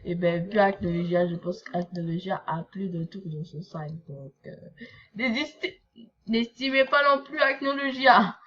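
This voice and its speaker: On a muffled recording, a young woman speaks at medium pitch and an unhurried pace. An anime reaction vlogger from Quebec, Canada, with a Québécois French accent, she reads and reacts to a manga chapter in a chatty, rambling style packed with fillers and asides.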